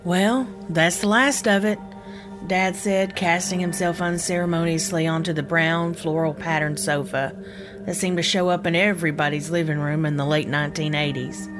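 Podcast storyteller: woman, middle-aged, lowish voice, folksy scripted narration, clear music underneath. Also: little pitch movement, moderate pace. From United States (Indiana, Kentucky). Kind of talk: scripted personal narration, ghost story memoir.

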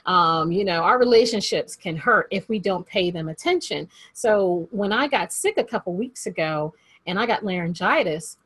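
A woman's voice: on the low side, expressive, moderate pace, fairly bright tone, breathy edge, dry recording. A woman hosting a podcast interview, upbeat and chatty, repeating phrases for emphasis. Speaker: podcast host.

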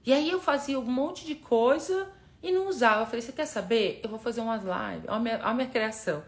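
Speaking quickly in a voice on the high side, a personal development facilitator runs a relaxed motivational live stream. She talks straight to her audience, stressing points by repeating words with emphasis.

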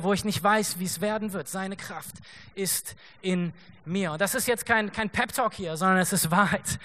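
A young man preaches from a church stage, his high voice bright and forward. He tells the story with energy, slips into short acted quotes and laughs along with the room. The delivery is casual and direct, as if talking to friends. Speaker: pastor. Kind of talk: sermon.

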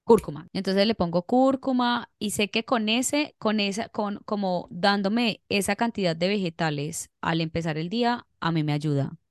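Chatty Colombian woman, smooth voice. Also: mid-range voice, moderate pace, hardly any pauses, dry recording, studio quality. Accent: Colombian Spanish. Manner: chatty, laughing, rambling storyteller. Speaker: podcast co-host. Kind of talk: casual chat.

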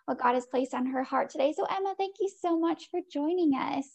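A woman's voice: sits high, fairly quick, vocal fry, darkish tone. A woman hosting a podcast interview, upbeat and effusive. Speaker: podcast host.

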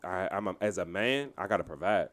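A man's voice: low voice, fairly quick, fairly bright tone. A man in his thirties talking candidly and profanely in a casual podcast chat, leaning on emphatic filler phrases. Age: 30s. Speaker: podcast co-host and DJ.

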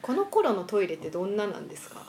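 A woman's voice: medium pitch, big pitch swings, fast, roomy sound, a crowd in the background. A woman with a Kyoto-leaning Kansai accent, chatting playfully as a participant in a class. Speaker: workshop participant.

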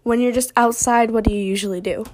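A woman's voice: fairly high pitch, steady tone, fast, noisy background. A woman asking casual interview questions at home, laughing often between them.

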